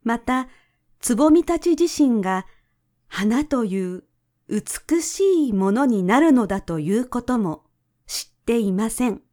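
Slow, gentle woman storyteller. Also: on the high side, expressive. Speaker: narrator. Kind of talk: storybook narration.

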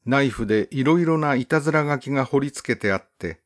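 A man reading a first-person literary story aloud in a measured, gently expressive storybook narration. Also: mid-range voice. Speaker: audiobook narrator.

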